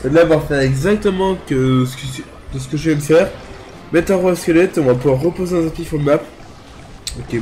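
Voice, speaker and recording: This gaming YouTuber is a young man with a fairly high-pitched, warm voice, chatting casually over his own mobile gameplay and thinking out loud. He's congested from a cold, so everything comes out nasal, through the nose.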